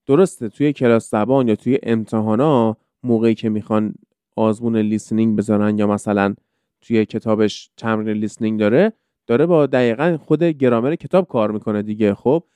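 A man's voice: medium pitch, warm tone, clear, resonant tone, no room sound. A man hosting a casual podcast lesson, explaining with many examples and rhetorical questions. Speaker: podcast host teaching English.

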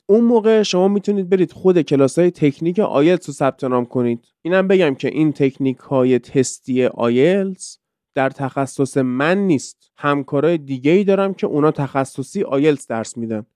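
A man's voice: medium pitch, darkish tone, clean tone, no room sound, studio quality. A man from Iran who teaches English, hosting a casual podcast and explaining things through rhetorical questions.

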